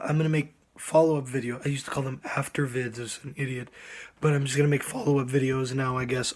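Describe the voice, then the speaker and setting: Sounding hoarse and sick, his medium-pitched voice giving out, a man offers casual game-review commentary and keeps clearing his throat.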